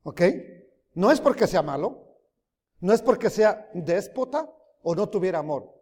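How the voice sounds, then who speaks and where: A man preaching a sermon, emphatic, swinging between loud rises and quiet drops, often asking his listeners questions. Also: high voice, very animated, unhurried. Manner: emphatic, rising and dropping loudly, asks the audience questions. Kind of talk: sermon teaching. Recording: long hall reverb.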